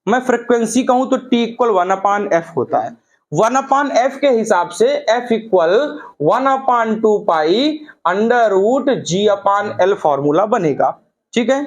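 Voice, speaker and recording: A middle-aged male physics teacher with a notably high voice lectures a class. He builds each idea step by step and keeps talking to his students as if they were children. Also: expressive, slow pace. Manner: explains step by step, often addressing students as children.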